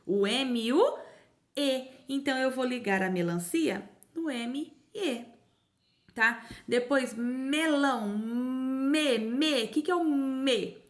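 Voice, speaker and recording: A Brazilian woman teaching a remote lesson to young children, sounding out words syllable by syllable in a slow sing-song way. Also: sits high, lively intonation. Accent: Brazilian Portuguese. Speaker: primary school teacher.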